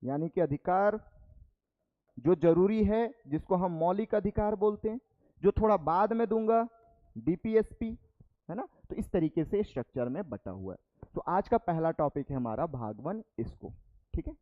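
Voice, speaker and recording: A young male teacher lectures a class in a high-sitting, animated voice at normal speed, and the sound is phone-quality. He goes step by step, repeats terms, and checks in with "ठीक है" after each point.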